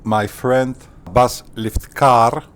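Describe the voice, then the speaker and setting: A man hosting a flight simulator channel, talking casually in deliberate, formal phrases with hesitant pauses. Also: mid-range voice, fairly even intonation, a bit bright, a little hiss or hum. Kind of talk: casual tutorial commentary.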